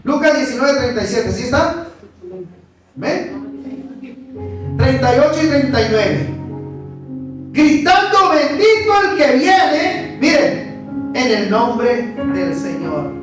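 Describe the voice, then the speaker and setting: A pastor preaches an emphatic sermon at a slow, measured pace. The voice sounds far from the mic and rings out in a very echoey church hall, with clear instrumental music playing underneath. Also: medium pitch, expressive. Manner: emphatic, often calling the listeners "brothers". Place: church sanctuary.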